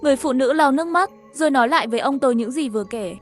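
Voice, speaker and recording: High-voiced woman narrating a horror story. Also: rapid-fire, soft background music. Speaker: narrator and dubber of the channel.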